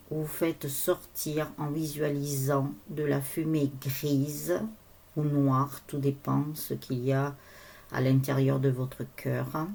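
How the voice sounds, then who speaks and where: Slow, low-voiced chatty woman medium. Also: darkish tone. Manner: chatty, rambling, frequent fillers. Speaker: medium and energy healer. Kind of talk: casual spiritual guidance video.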